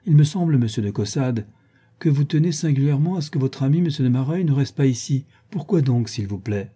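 A man's voice: mid-range voice, animated, brisk, warm tone, husky, voice pushed up. A man reading an audiobook, voicing a witty, playful aristocratic lady who hands down mock-solemn judgments. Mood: teasing.

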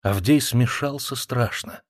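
A man reading a classic novel aloud in a measured, expressive storytelling voice. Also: medium pitch, no echo, studio quality. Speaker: audiobook narrator. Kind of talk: scripted literary narration.

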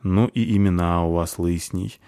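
A man's voice: sits low, fairly even intonation, moderate pace, warm tone, clear, resonant tone, dry recording, clean studio sound. A man voicing a young cat-folk boy who grumbles and speaks cheekily in an audiobook. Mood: cheeky, grumpy. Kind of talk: audiobook character voice.

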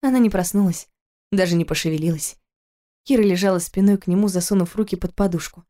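A woman reading a novel aloud as an audiobook narrator, with a steady, even delivery. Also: lowish voice, quick pace. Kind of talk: scripted narration of a romance novel.

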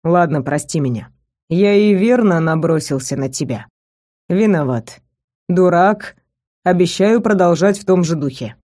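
A woman voicing a gruff, smug male werewolf who speaks low and hoarse. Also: lively intonation, unhurried, dark tone.

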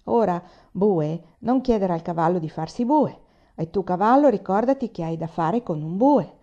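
A woman reading the lines of a wise woman who gently scolds two stubborn men, patient and proverb-like. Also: on the low side, expressive, normal speed, lo-fi sound. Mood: chiding.

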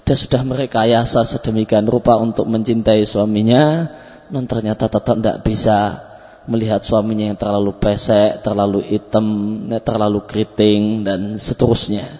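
Teacher lecturing in an echoing hall. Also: male voice, lowish voice, steady tone, normal speed, dark tone. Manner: explanatory, with frequent fillers and self-corrections. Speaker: Islamic teacher. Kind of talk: religious study lecture. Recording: lo-fi recording with long hall reverb.

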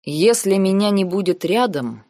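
A woman's voice: mid-range voice, lively intonation, a little mellow, dry recording, clean studio sound, pitched above the performer's own voice. A cold scheming uncle, read by a woman. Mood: cold, lecturing. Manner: measured, lazy, coldly sarcastic. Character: cold calculating noble uncle, middle-aged man.

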